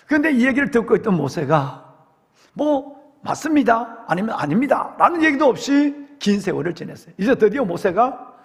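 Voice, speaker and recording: A male senior pastor telling a story as a dramatic sermon, with animated delivery, in a church sanctuary. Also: sits high, vocal fry. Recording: long church hall reverb.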